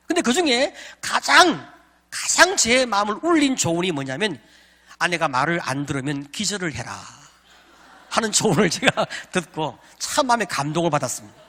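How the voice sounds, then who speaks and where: A man's voice: high-pitched, long reverb tail. A middle-aged man, a professor, giving a lecture on marriage and telling a personal story, acting out his own thoughts as he goes. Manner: animated storyteller, acts out inner thoughts.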